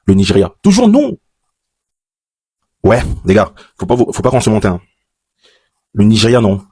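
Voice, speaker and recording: A man's voice: on the low side, steady tone, fairly quick, darkish tone, husky, dry recording, clean studio sound. A young man from Cameroon, a content creator chatting casually to his viewers in a reaction vlog. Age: young adult. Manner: chatty, addresses viewers as "les gars".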